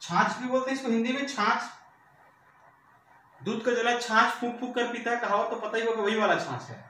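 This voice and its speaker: A male teacher with a high, sharp voice leads a vocabulary lesson for exam students. After a quick rhetorical question he repeats each term and checks that the class understands. He sounds far from the microphone in a very echoey room with faint background noise.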